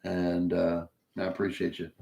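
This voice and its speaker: A man's voice: sits low, monotone, a little slow, creaky, dark tone. A man hosting a live card break, talking casually with many fillers, losing his voice after a long stream.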